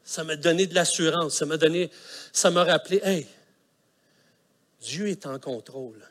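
A middle-aged man with a Quebec French accent, preaching a sermon as a colloquial, animated story with vocal sound effects. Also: on the high side, normal speed. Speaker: pastor.

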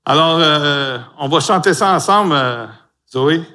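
Man, Québécois accent, pastor, sermon, high-pitched, slow, playful with children. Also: pushed and bright. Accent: Québécois French. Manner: playful, informal, addressing children. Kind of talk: sermon with a children's sing-along.

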